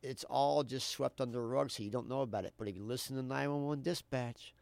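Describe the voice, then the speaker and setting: Man, casual storyteller, emphatic, repeats phrases, creaky yet crisp voice, close and dry. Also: medium pitch, fairly even intonation, brisk, a little mellow, no room sound. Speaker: show co-host.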